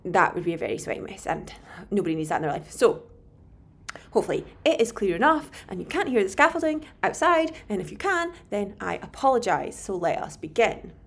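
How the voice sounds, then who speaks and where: A woman's voice: medium pitch, very animated, a little fast. A woman hosting a podcast in a casual, explanatory way, frank and self-deprecating, recorded in a slightly echoey room. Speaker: podcast host and nutritionist. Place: indoor room, home recording.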